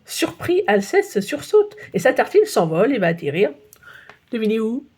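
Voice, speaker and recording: A woman narrating a children's storybook with playful expression. Her voice is fairly high and very animated. It carries a slightly husky breathiness. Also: moderate pace. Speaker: audiobook narrator.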